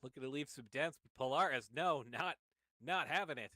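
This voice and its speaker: Bright-voiced male wrestling commentator. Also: medium pitch, no room sound. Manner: excited, calls moves quickly. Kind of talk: play-by-play commentary.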